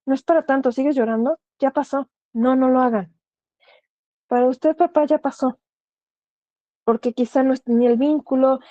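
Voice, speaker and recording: A woman's voice: fairly high pitch, mellow, no room sound, highs cut off. A woman thanatologist, speaking earnestly and giving direct advice, often asking rhetorical questions. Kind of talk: explanatory talk.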